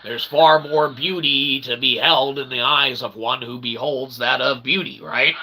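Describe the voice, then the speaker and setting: A bright, forceful mid-range voice belongs to a man hosting his own channel, who delivers a rambling, tongue-in-cheek philosophical monologue to camera. Expect winding pseudo-formal phrasing, lots of repetition and casual swearing. The recording is low quality, with noticeable background noise.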